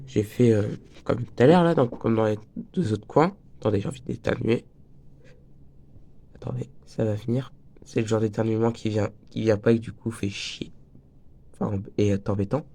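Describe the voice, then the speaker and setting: Teaching crochet in a relaxed, talkative way, a teenage boy keeps wandering into jokes, his voice breaking and touched by a slight cold. The mid-range voice is warm with vocal fry, at a normal speed with frequent pauses.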